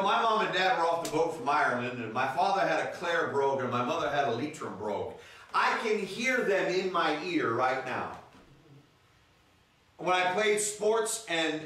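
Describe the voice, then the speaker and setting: Slow, bright-voiced preacher in an echoey church. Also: male voice, fairly high pitch. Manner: reads scripture aloud and calls out to the congregation. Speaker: pastor. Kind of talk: sermon. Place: church sanctuary. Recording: echoey church room, voice from a distance.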